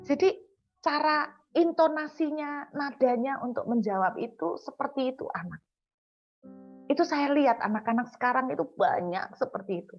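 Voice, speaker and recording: A woman preacher with an East Javanese accent gives a morning devotional sermon in a conversational way, slowing down to stress key words. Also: sits high, animated, dull audio, soft background music. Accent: East Javanese Indonesian. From Surabaya, East Java.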